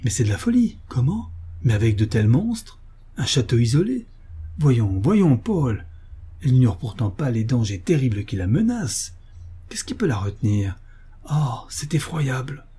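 A man reading an audiobook, voicing an excited, talkative young man of seventeen. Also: mid-range voice, moderate pace, breathy edge. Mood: alarmed.

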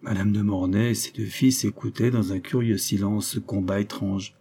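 A man's voice: steady tone, normal speed, slight background noise. A man reading a nineteenth-century short story aloud as narrator, lifting his voice to act out the characters. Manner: voices characters with shifts in pitch and loudness. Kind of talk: audiobook reading of a classic story.

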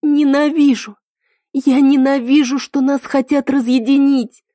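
A woman voicing a desperate young woman in love, pleading in high, strained, near-shouted lines. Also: normal speed, husky, no echo, studio quality, natural voice. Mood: distraught.

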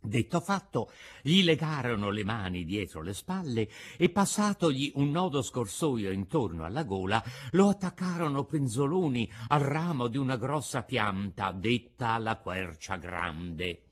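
A man narrating a classic tale in a theatrical, highly expressive reading. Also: measured pace.

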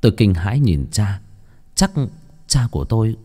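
A man narrating a horror story as an audiobook in an expressive, varied delivery. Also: lowish voice, moderate pace. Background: faint music.

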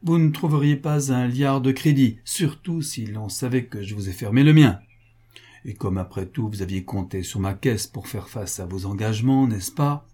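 A man's voice: mid-range voice, moderate pace, warm tone, breathy edge, close to an everyday voice. A man voicing a cold, sardonic wealthy creditor who speaks with false friendliness in an audiobook reading. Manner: mocking, falsely friendly, cruel.

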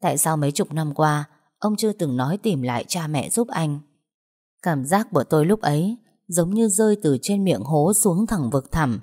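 Woman narrator for a first-person audio story: low, warm voice, earnest and emotional delivery. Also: animated, moderate pace.

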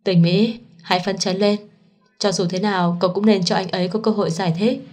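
Woman reading a gentle comforting young man. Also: mid-range voice, steady tone, brisk, faint music behind, close to an everyday voice. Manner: soft, soothing. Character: gentle, kind young male friend.

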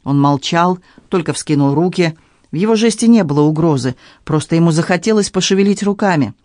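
Male audiobook narrator, measured and even, slightly high pitch, dry close studio sound. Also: no echo. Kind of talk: scripted narration.

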